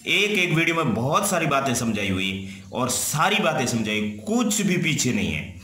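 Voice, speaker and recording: A man's voice: medium pitch, sing-song, moderate pace, pushed and bright. Man teaching Sanskrit in an echoey room. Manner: reciting word forms, checking with "ठीक है ना?". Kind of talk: classroom grammar lesson.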